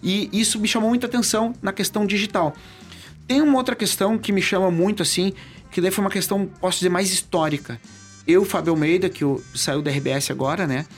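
A man with a Gaúcho Portuguese accent, a radio journalist telling stories in a casual interview, animated and acting out dialogue. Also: high-pitched, fast talker, soft background music. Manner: animated, acts out quoted dialogue.

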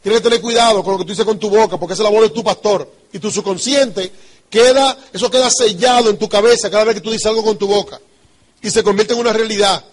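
A man's voice: high voice, fast talker. A man with a Dominican Spanish accent giving a motivational business talk, emphatic and repetitive, often asking his listeners rhetorical questions. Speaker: business trainer.

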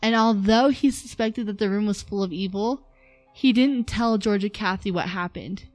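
A woman's voice: medium pitch, normal speed, darkish tone, dry recording, soft background music. A woman hosting a casual podcast, telling a story from notes in a chatty way, with some fillers. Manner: narrates from notes, chatty with laughs. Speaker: podcast host.

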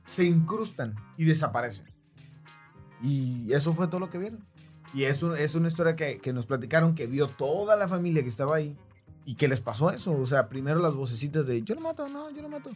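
A man's voice: fairly high pitch, lively intonation, brisk, soft background music. A man with a Mexican accent hosting a podcast, telling a story in a rambling way and often checking in with his listeners. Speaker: podcast host. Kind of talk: casual storytelling.

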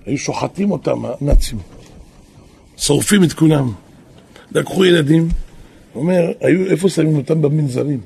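A man, a rabbi and yeshiva head, telling a story in a sermon, animated and now and then calling out quoted lines loudly. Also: fairly high pitch, pauses often. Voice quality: raspy.

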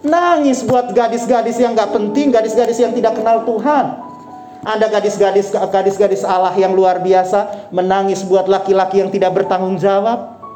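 A woman's voice: on the high side, dark tone. Woman preaching a sermon in a roomy hall. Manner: exhorting, repeats phrases, frequent "Amin". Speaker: pastor. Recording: roomy hall sound with faint instrument music.

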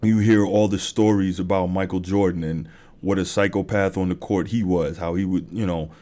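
Male podcast host, deep and mellow, easygoing storyteller with fillers. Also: fairly even intonation, normal speed. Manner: conversational, many fillers and restarts. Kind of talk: casual monologue.

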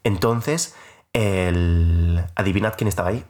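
A man's voice: low voice, a little slow, darkish tone. A young man in his twenties hosting a podcast, telling a personal story in a casual, rambling, self-mocking way with many filler sounds.

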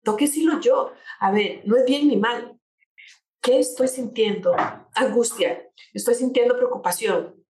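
A woman's voice: fairly high pitch, measured pace, darkish tone. Woman coach in an echoey room. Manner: explains with rhetorical questions and examples. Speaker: attitude-change coach. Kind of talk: conversational talk show guest.

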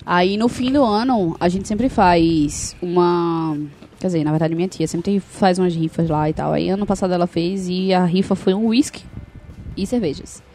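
A woman's voice: fairly low pitch, normal speed, mellow, slight background noise. A woman co-hosting a podcast, chatting through anecdotes and acting out bits of dialogue. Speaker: podcast co-host. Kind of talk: casual podcast chat.

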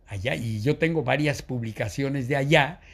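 An older man with a Mexican Spanish accent, telling family stories as an interview guest, animated, acting out what others said. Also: mid-range voice, normal speed, creaky. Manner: animated, acts out quoted voices. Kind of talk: storytelling in a casual interview.

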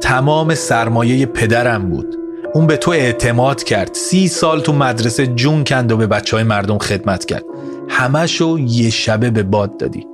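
A furious, wronged middle-aged mother, voiced by a man reading an audiobook, hurling bitter accusations in a low voice. Music plays clearly behind her. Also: close to an everyday voice. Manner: angry, accusing, cutting.

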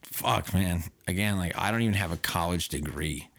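Bright-voiced, profane, teasing man. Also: low voice, moderate pace, vocal fry, slight background noise. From United States. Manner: profane, mocking, animated teasing. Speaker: podcast co-host. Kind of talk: casual banter podcast.

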